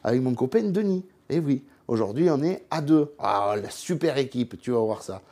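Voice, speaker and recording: A southern French accent colors this cooking vlog by a home cook and hunter from the Cévennes. His medium-pitched voice is warm and expressive at a moderate pace. Talking right to the viewer, he rambles casually, laughs at himself, jokes and drops "voilà" constantly.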